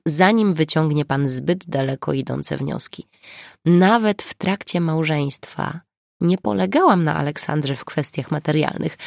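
A woman's voice: sits low, vocal fry, no room sound, clean studio sound, exaggerated voice. A woman voicing a confident, independent divorced woman in an audiobook, ironic and sure of herself. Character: independent divorced woman, self-assured, sharp-tongued.

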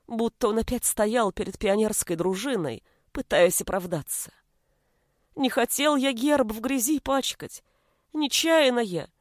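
A woman reads a story aloud in an expressive, lively voice of middle pitch. The recording is dry and close, with no room echo. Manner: expressive reading. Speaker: narrator. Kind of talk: storybook narration.

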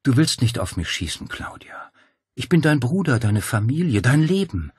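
A man voicing a calm, persuasive male cult leader who coaxes and quietly threatens. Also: medium pitch, moderate pace, dry recording, studio quality, voice pushed up. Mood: coaxing. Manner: smooth, coaxing, quietly menacing.

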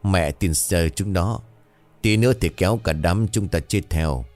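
A man voicing a scheming old male village chief in a spoken ghost story, gruff, low and commanding. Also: measured pace, a little mellow, no room sound, soft background music. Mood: sinister.

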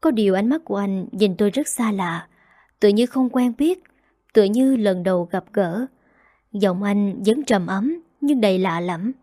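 A woman reading a first-person romance audiobook in a steady, even way. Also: mid-range voice, normal speed, dry recording, studio quality. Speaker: narrator.

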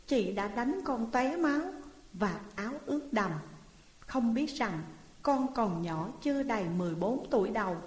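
A woman's voice: on the high side, darkish tone. A woman reading a folk tale voices a mistreated thirteen-year-old boy lamenting at his parents' grave. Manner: lamenting, plaintive. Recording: echoey reverberant room.

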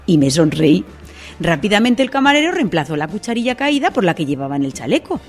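A woman telling a comic story on local radio in a chatty, expressive way with asides. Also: lowish voice, brisk, soft background music.

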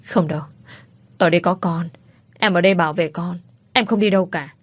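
Lady doing a scared young wife, pleading and tearful, low-ish voice. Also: brisk, no echo, natural voice. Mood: frightened. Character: frightened pregnant young wife.

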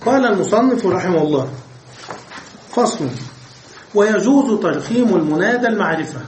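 High-voiced male teacher in an echoey room. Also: expressive, normal speed, a little mellow, slight background noise. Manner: explains step by step, often checks understanding with questions. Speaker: Arabic grammar teacher. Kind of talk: classroom lecture. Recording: echoey room, voice far from the mic.

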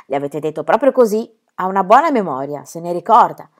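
A woman voicing little Marie, a gentle peasant girl. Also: fairly low pitch, sing-song, a little fast. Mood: coaxing. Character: young poor peasant girl, gentle and wise. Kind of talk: audiobook reading.

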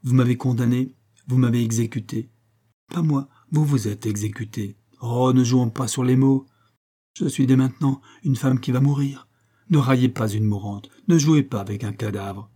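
A man's voice: medium pitch, normal speed, dark tone, breathy edge, close to an everyday voice. A man reading an audiobook and voicing a frightened young society woman who turns defiant, pleading and pained. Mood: firm.

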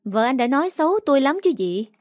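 A woman's voice: sits high, sing-song, fast, no room sound, studio quality, pitched above the performer's own voice. A woman voicing a scolding, sarcastic middle-aged mother-in-law in a read story. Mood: scornful.

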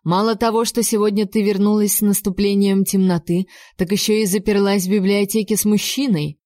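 A woman's voice: mid-range voice, flat delivery, fairly quick, a little mellow, no echo, studio quality, natural voice. A woman voicing a jealous, cold-tempered male king in an audiobook reading, with a mocking, commanding manner.

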